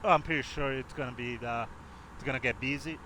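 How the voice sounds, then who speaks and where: A man's voice: medium pitch, steady tone, fairly quick, background noise. A man giving casual, unscripted flight simulator commentary in hesitant, trailing phrases.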